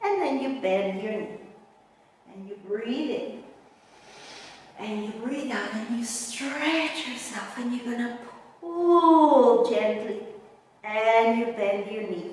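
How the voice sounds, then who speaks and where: A woman working as a Pilates instructor, guiding a mat class with step-by-step cues and counts in a gentle, encouraging manner. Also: fairly high pitch, a little hiss or hum. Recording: very echoey, reverberant room, distant mic.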